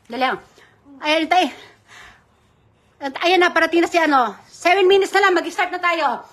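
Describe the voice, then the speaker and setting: Very high, bright-voiced woman live-streaming. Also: normal speed. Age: adult mother. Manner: chatty, reads viewer comments and gives shout-outs. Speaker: livestream host running a giveaway. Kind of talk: casual live-stream chat.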